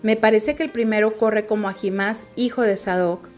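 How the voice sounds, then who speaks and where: A woman's voice: medium pitch, fairly even intonation, moderate pace, darkish tone, faint music behind, natural voice. A woman reading the part of a watchful male sentinel posted on a wall. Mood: alert.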